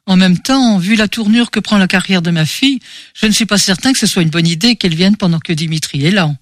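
A woman voicing a quick-tempered protective father in an audiobook, tense and indignant. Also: medium pitch, no echo, studio quality, close to an everyday voice. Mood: guarded.

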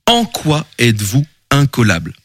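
Rambling French radio host, lively pitch. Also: male voice, moderate pace, no echo, studio quality. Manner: rambling, many fillers and self-corrections. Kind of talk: casual studio chat.

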